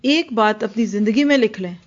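A woman giving an earnest religious lecture that explains each point and slips English words into her speech. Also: medium pitch. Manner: earnest, explanatory, acts out quoted dialogue. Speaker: religious teacher. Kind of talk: Islamic lecture. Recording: dull lo-fi recording.

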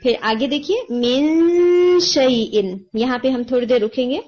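A woman teaching Quran recitation online, patiently correcting a student and slowly modelling each word over a video call. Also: on the high side, fairly even intonation, a little mellow. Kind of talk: online tajweed lesson, giving feedback. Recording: dull lo-fi call audio.

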